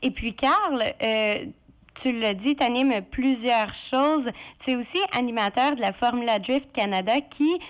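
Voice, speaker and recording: A woman's voice: on the high side, a little slow, clear, resonant tone. A woman hosting a radio interview, friendly and asking prompting questions. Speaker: radio host.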